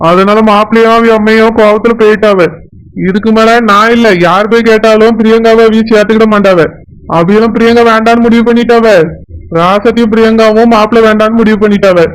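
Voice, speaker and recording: A man's voice: high voice, little pitch movement, a little fast, smooth, lightly acted, low-quality recording. A man voicing a weary henpecked village husband. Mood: resigned. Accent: Tirunelveli Tamil. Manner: soothing, resigned.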